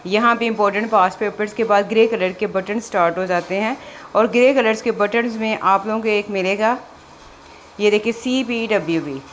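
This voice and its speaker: A woman's voice: medium pitch, moderate pace, slight background noise. A woman exam prep teacher, talking through a screen walkthrough in a chatty way, repeating "theek hai" and "ye dekhiye" as she goes.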